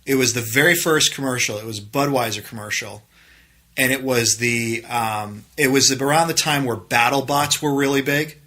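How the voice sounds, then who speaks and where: A man's voice: mid-range voice, fairly even intonation, moderate pace, bright, forceful tone. A man co-hosting a casual podcast, rambling through his stories with lots of fillers and asking his partner questions. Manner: rambling, many fillers, asks questions back. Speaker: podcast co-host. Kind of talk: casual chat.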